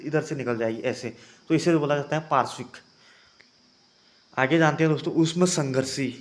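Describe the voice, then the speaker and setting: A young man teaching an exam-prep grammar lesson, calling his viewers friends and having them try each sound aloud. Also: mid-range voice. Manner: addresses viewers as friends, repeats points.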